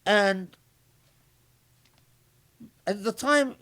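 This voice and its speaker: Slow, reflective male scholar lecturing. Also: high-pitched, sharp tone. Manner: halting and reflective, with frequent restarts; recites Arabic phrases between English explanation. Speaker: scholar giving Quran commentary. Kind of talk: unscripted lecture commentary.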